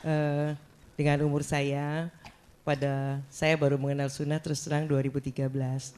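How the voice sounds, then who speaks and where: A woman's voice: low voice, flat delivery, moderate pace, darkish tone, smooth. Hesitant older woman asking a question. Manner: hesitant, polite, many fillers.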